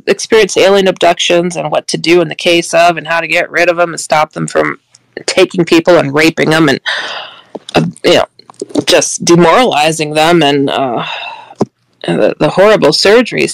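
A woman guest telling paranormal stories in an animated way, acting out the dialogue she quotes. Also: sits low, moderate pace, gravelly, no room sound, rough recording. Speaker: paranormal researcher and author, guest. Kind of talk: candid storytelling interview.

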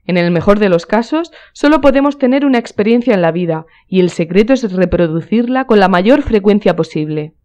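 A worldly, cynical nobleman from a storybook, delivering his epigrams like lessons, as a woman narrator reads him. His voice is mellow and dark, sitting in a middle pitch. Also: expressive, brisk, hardly any pauses, lightly acted. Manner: epigrammatic, lecturing. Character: witty cynical male aristocrat.

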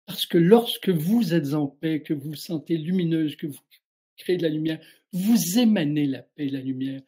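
Mellow, husky-voiced male spiritual guide. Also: on the high side, moderate pace. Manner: calm, reflective, addresses listeners directly. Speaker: spiritual guide answering viewer questions. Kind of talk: live spiritual guidance show.

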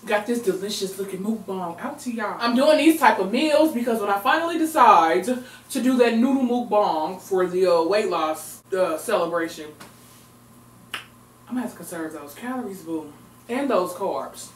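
A woman's voice: mid-range voice, lively intonation, normal speed. A young woman chatting expressively as she eats on camera in her home recording room, mixing talk with murmured eating sounds. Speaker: mukbang vlogger. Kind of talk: casual eating vlog chat. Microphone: camera mic at a distance. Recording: echoey room, heard from far off.

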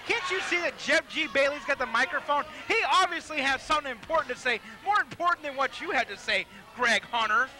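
A man giving excitable, bickering and partisan wrestling commentary. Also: very high-pitched, brisk, few pauses.

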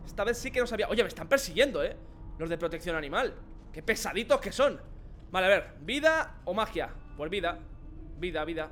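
A young man with a Spain Spanish accent, joking and shouting excitedly as he commentates a video game. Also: sits high, slight background noise. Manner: excitable, jokey, shouts at enemies. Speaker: gaming commentator. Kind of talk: let's play commentary.

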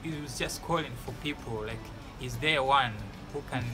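Standing outside next to a building wall, a young adult graduating student from Malawi gives a casual interview, sounding earnest and advisory while frequently starting over. He talks at normal speed with a medium pitch, and music runs behind him.

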